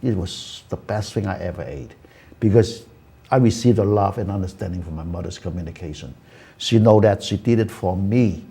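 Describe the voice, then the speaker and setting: Older guy from hong kong hosting a talk show, low husky voice, earnest, lots of "you know". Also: normal speed, dark tone. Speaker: host. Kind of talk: casual chat. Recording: community access TV studio.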